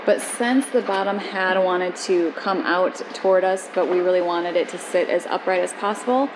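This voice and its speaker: Speaking at a normal speed with a fairly level, lowish voice, a woman in her thirties gives a relaxed, step-by-step account of a boat build. She records herself at arm's length in a big covered shed, where the audio picks up plenty of noise.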